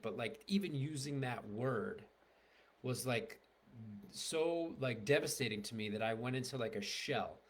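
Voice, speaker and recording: A middle-aged man, a marriage and family therapist, candidly telling a personal story to the camera, rambling with many fillers and restarts. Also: medium pitch.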